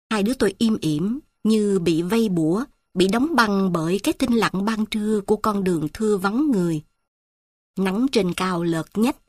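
Woman storyteller, mid-pitched, reading slowly and reflectively in a dry booth. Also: darkish tone, no echo. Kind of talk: literary story narration.

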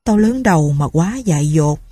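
Woman voices an old peasant man, desperate and bitter, low and husky, dry storybook read. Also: expressive, normal speed, mellow, dry recording. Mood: lamenting. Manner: lamenting, fearful.

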